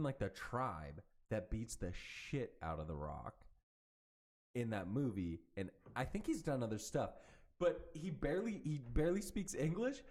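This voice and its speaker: A young man co-hosting a podcast, telling movie stories in an excitable, casual way. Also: mid-range voice. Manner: excitable, animated storytelling with laughter. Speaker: podcast co-host. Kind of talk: casual chat.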